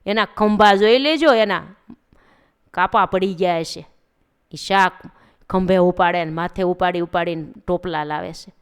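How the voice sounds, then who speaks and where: A woman's voice: fairly high pitch, animated, quick pace, clean tone, pitched above the performer's own voice, natural voice. A woman voicing a male deity posing as a strict vegetable seller, refusing firmly to give anything extra. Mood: stern. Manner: firm, unbending refusal.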